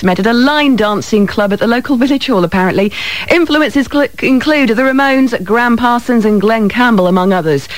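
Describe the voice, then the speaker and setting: A woman's voice: mid-range voice, dry recording. Woman, British accent, radio DJ, informal presenting, close mic, dry studio. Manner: informal, often adds tag questions like "okay?" and "isn't it?". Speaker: radio DJ and show host. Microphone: close studio microphone.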